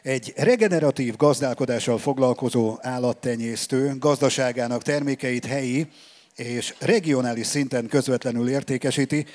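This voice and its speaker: A man's voice: medium pitch, darkish tone. Man formally introducing a speaker. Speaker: event host introducing speakers.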